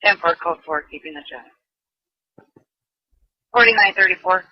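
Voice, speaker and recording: A man working as a police dispatcher over a walkie-talkie, briskly reading back each call. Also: sits high, dry recording. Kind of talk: terse police radio calls. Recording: archival lo-fi police radio.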